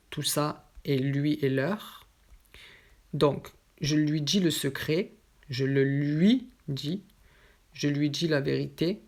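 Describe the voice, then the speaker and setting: A French teacher explaining grammar slowly and patiently, working through many example sentences. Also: medium pitch. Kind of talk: grammar lesson.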